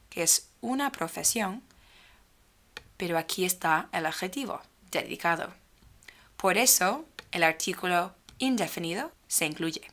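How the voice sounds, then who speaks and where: A woman teaching a grammar lesson, speaking slowly and clearly and drawing out the example sentences. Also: medium pitch, a bit bright. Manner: slow, clearly spaced speech with stretched example phrases. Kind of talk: slow, careful grammar lesson.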